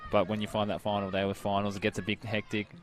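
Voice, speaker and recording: A man's voice: fairly low pitch, fast talker. Nasal-voiced man doing chatty sports commentary. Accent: Australian. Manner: relaxed, chatty, laughs easily. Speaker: color commentator. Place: outdoor sports ground.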